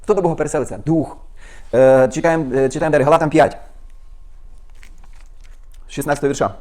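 A male pastor preaching at a very fast clip, his voice pitched a little higher than most men's. He fires off rhetorical questions to the congregation and stops to read scripture aloud before commenting on it. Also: darkish tone. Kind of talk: sermon.

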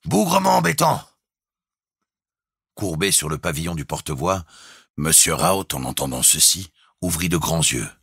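A man reading a classic novel aloud as an audiobook, in a measured, expressive storytelling manner. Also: very deep voice, husky, dry recording, clean studio sound. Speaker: audiobook reader. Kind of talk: literary audiobook narration.

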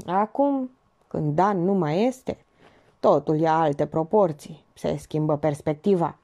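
A woman voicing a quiet, shy young widow who speaks softly. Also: low-pitched. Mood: subdued. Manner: soft, subdued.

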